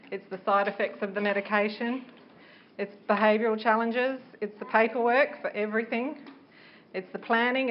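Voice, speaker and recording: Woman giving an earnest speech, dull noisy recording. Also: mid-range voice. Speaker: parent campaigner giving a public speech. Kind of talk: prepared public speech.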